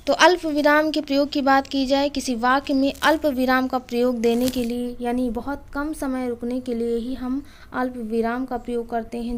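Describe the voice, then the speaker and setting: A woman teaching an exam-prep lesson. She reads out each question number and then explains the answer steadily. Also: high voice.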